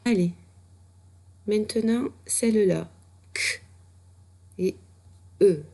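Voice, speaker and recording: A woman teacher, slowly and patiently spelling out letters and sounds for a child in a recorded reading lesson. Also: medium pitch, gravelly, darkish tone. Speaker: primary school teacher.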